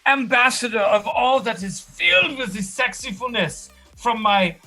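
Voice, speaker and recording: Guy hamming it up as a preening show-off baron, high bright voice, shouty and full of himself. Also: animated, unhurried, soft background music, exaggerated voice, low-quality recording. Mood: boastful. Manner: theatrical, boastful, shouting. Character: flamboyant vain adult male baron, loud and preening. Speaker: competing artist.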